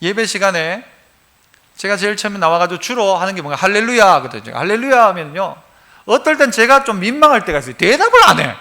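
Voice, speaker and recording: Pastor, male, very high tense voice, folksy call-and-response preacher in a church. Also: fast talker. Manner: lively, quizzes the congregation and prompts responses; folksy and humorous. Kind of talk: sermon. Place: church sanctuary, live service.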